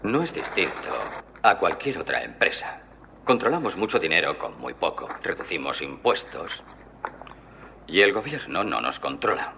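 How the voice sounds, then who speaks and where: A man's voice: low voice, big pitch swings, moderate pace, vocal fry, sharp tone, a little hiss or hum, exaggerated voice. A man playing an eager, persuasive financier in dubbed film dialogue. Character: smooth male financier, eager.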